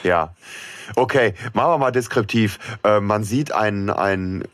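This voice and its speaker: A man's voice: lowish voice, unhurried, dry recording. A man co-hosting a casual podcast chat, hesitant and full of fillers and restarts. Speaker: podcast co-host.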